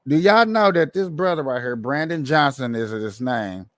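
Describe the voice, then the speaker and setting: A man's voice: medium pitch, lively intonation, normal speed, fairly bright tone, no room sound. A man hosting a livestream with casual political commentary, opinionated and colloquial, repeating phrases for emphasis. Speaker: livestream host.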